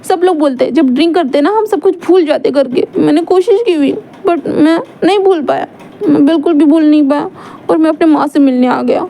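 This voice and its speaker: A woman's voice: sits high, a little fast, mellow. A woman voicing a drunk, heartbroken young man who weeps and rambles as he repeats himself. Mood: drunk, tearful.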